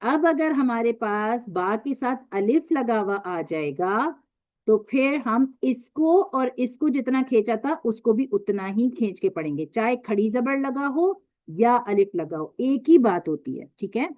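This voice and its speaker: A woman with a fairly high voice teaches Quran recitation in an online lesson, patiently repeating each point and drawing the letter sounds out slowly. The recording is dry and a little dull, with no room around her. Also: expressive, dry recording.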